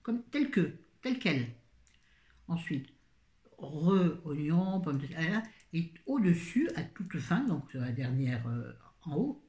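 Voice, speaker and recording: A woman's voice: low voice, dark tone. A middle-aged woman chatting casually through a grocery haul, rambling with self-mocking asides. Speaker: vlogger. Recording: echoey room.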